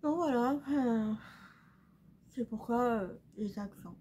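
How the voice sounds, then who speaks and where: A young woman talking casually while doing her makeup at home, soft-spoken and halting, full of pauses and fillers. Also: fairly high pitch, slight background noise. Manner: hesitant, halting, many fillers; soft and subdued. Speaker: beauty vlogger. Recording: slightly dull recording, faint room ambience.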